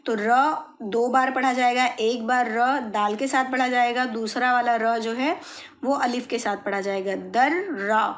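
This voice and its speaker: A woman teaching children Arabic words, patiently explaining and repeating each word slowly. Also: fairly high pitch, fairly even intonation. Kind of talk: slow explanatory lesson.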